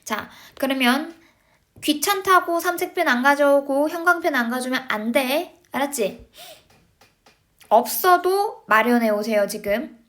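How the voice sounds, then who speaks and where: An animated, slightly bright woman with a fairly high voice, an English teacher, records a lesson for middle schoolers. She explains things step by step, tossing in quick tag questions to check they're keeping up.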